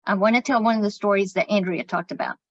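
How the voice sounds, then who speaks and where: A woman's voice: mid-range voice, fairly even intonation, quick pace, dry recording, muffled recording. A woman co-hosting a podcast, telling stories in casual chat and swearing now and then. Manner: chatty storyteller, swears casually. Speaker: podcast co-host.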